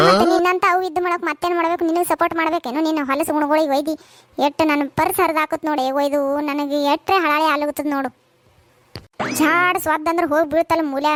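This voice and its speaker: A woman voicing quarrelling village women in a cartoon, shrill and cursing, with a North Karnataka accent. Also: dry recording, lightly acted. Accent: North Karnataka Kannada. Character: shrill quarrelsome village mother-in-law and daughter-in-law. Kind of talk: cartoon voice acting.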